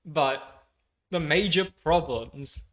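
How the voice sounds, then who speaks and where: A man chatting loosely as co-host of a podcast livestream. His voice sits a little on the high side, and he talks in a relaxed, chatty way, laughing often and dropping the odd swear. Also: slow. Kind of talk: casual livestream chat.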